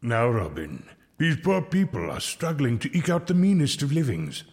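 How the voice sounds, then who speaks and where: An actor playing a kindly, wry medieval friar who speaks in a measured, pastoral, gently reproving way in an audio drama. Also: male voice, mid-range voice, wildly swooping pitch. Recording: long reverberant hall.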